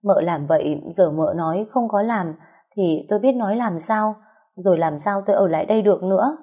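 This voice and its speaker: A woman's voice: medium pitch, a little fast, mellow, slightly rough, natural voice. A woman voicing a tearful, scheming young female servant in an audio story. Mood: tearful pleading.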